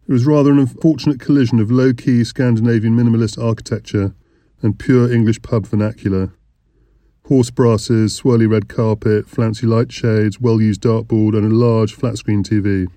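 A man reading an audiobook in measured, descriptive narration. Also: mid-range voice, dark tone, no room sound.

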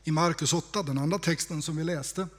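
Man, sermon, reflective, hushed emphasis, breathy tone. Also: a little high, steady tone. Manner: conversational, reflective, dropping to hushed tones for emphasis. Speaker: preacher.

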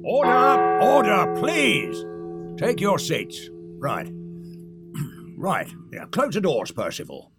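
An actor playing a pompous, short-tempered male leader of a secret candy society in a comedy audio sketch, with grand theatrical speeches and a gravelly voice. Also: huge pitch swings, slow pace, long pauses, loud music behind the voice, heavily acted. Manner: theatrical, booming speeches, easily irritated.

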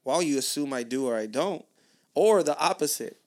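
A man's voice: on the high side, lively intonation, normal speed. A man, co-hosting a casual podcast chat with blunt, profane banter. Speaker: podcast co-host.

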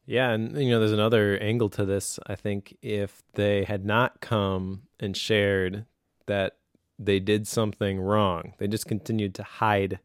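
Low, smooth-voiced man co-hosting. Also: level tone, unhurried, no room sound, clean studio sound. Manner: reflective, acts out excuses in quoted voices. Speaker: podcast co-host. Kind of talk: casual chat.

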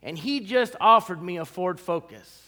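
High-voiced male preacher telling stories. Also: moderate pace. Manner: animated storyteller, self-deprecating humor. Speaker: guest preacher. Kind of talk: storytelling sermon. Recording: reverberant hall.

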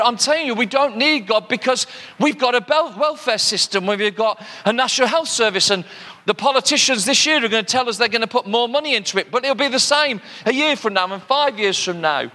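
A man's voice: very high voice, sharp tone. Older man preaching in a reverberant hall. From United Kingdom. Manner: conversational, joking asides to the congregation. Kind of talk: sermon.

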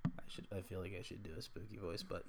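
A man co-hosting a podcast in casual chat, playful with deadpan jokes, recorded in an apartment. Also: deep voice, fast talker. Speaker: podcast co-host. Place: apartment with dimmed lights.

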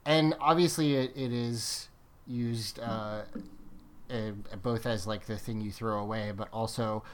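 A woman's voice: rumbling low, fairly even intonation, a little slow, slight background noise. A woman in casual group chat who laughs often and trails off while thinking aloud.

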